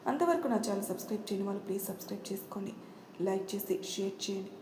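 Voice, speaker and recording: A woman narrating a serialized love story as host of her channel, in a steady storytelling manner. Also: mid-range voice, racing. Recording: roomy home recording with faint noise.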